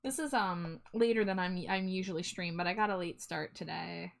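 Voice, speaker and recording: A woman's voice: fairly low pitch, normal speed, creaky. A woman art streamer chatting casually to viewers on a livestream in a cute, friendly, appreciative manner.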